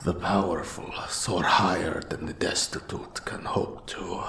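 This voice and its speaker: Heavily acted, the role of a forbidden-magic mentor, an eldritch, nameless old archive custodian who is formal, patient and melancholy, is voiced by a man in a scripted audio drama. He whispers breathily and gravelly in a low, steady, fairly bright voice, phrasing things slowly, deliberately, formally and ominously, with a bitter, brooding mood. The recording is reverberant.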